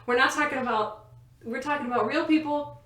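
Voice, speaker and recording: A woman's voice: high-pitched, fairly quick, fairly bright tone. A young woman co-hosting a casual podcast from a bedroom, rambling and laughing often mid-sentence. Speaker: podcast co-host. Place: a bedroom at home. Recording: roomy bedroom echo.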